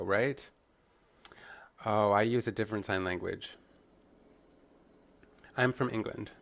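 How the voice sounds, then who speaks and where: A man with a fairly low voice works as a live interpreter for a fitness class. He calls out workout instructions in an upbeat coaching manner. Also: gravelly, a bit bright.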